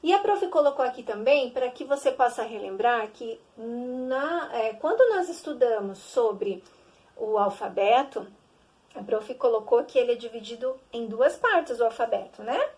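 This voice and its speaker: A young woman teacher with a Brazilian accent, giving an early-grade reading lesson in slow, sing-song talk that stretches out syllables. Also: a little high, animated, darkish tone. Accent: Brazilian Portuguese.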